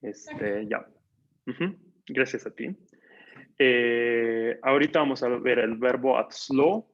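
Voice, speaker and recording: Slow patient male language teacher. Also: mid-range voice, highs cut off. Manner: patient, repeats words slowly, many "ujú" and "este". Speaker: Swedish teacher. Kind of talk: online language class.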